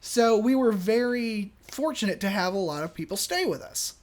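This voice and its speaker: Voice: medium pitch, normal speed. Chatty podcast host telling a story. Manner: animated, acts out quoted people in the story; chatty, many fillers and restarts. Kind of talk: casual storytelling.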